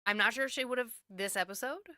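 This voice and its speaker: A woman hosting a casual recap podcast, chatty and quick to laugh. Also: a little high, bright, forceful tone, dry recording, studio quality. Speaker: podcast host.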